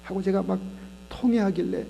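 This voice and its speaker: A pastor preaches in a church sanctuary, his voice sitting high and creaky at a normal speed, with a big-room echo and a faint hiss or hum. He's an animated storyteller, acting out the voices of the people in his sermon story.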